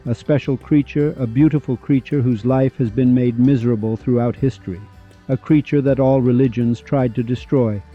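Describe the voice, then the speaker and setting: A man hosting a monologue podcast who tells dramatic stories in a rhetorical, preachy way, repeating lines for effect. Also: mid-range voice. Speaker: podcast host. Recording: slightly dull lo-fi recording.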